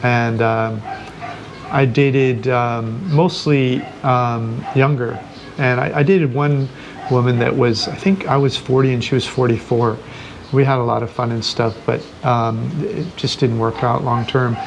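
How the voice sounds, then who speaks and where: Gravelly American man in his sixties. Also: mid-range voice, unhurried. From United States. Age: 60s. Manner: relaxed, rambling, hesitant fillers. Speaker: host. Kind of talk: casual chat. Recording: noisy background hiss.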